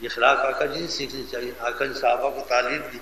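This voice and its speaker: A man preaching in an emphatic, animated storytelling sermon. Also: medium pitch, slight background noise. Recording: echoey hall, faint ambience.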